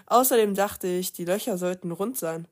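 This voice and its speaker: A woman reading a novel aloud, voicing a gruff, proud teenage boy. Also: mid-range voice, normal speed, lightly acted.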